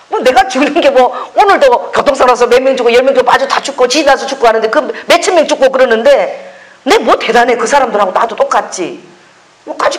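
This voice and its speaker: Animated, laughing middle-aged woman pastor. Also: fairly high pitch, low-quality recording. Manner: animated, laughing storytelling with exclamations. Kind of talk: sermon.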